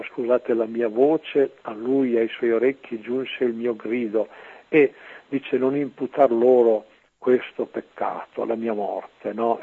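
A man, a priest, giving an earnest, preachy commentary on scripture over the radio, with a gravelly, husky voice. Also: medium pitch. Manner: earnest, preachy, often pausing on "ecco". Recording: narrow phone-like radio sound.

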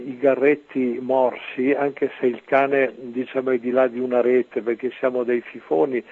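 A man, a priest, giving an earnest, preachy commentary on scripture over the radio, with a gravelly, husky voice. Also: mid-range voice. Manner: earnest, preachy, often pausing on "ecco". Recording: narrow phone-like radio sound.

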